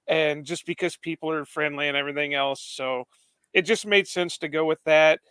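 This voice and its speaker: Male podcast co-host, warm chatter, clean resonant tone, dry room. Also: a little high, steady tone, normal speed, clear, resonant tone, dry recording. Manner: friendly, rambling, many "you know"s. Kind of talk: casual sports podcast chat.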